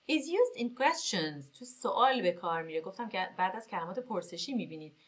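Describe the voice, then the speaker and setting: A woman teaching English vocabulary in Persian, reading example sentences slowly and clearly, then explaining them briskly. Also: mid-range voice.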